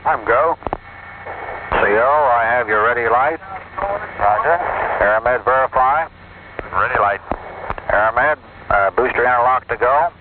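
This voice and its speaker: Male controller over two-way radio, brisk call-and-response, lo-fi phone-thin sound under steady static. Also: medium pitch. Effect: over a two-way radio link. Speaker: mission control radio operator. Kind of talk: clipped status checks. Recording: noisy tinny archival radio transmission.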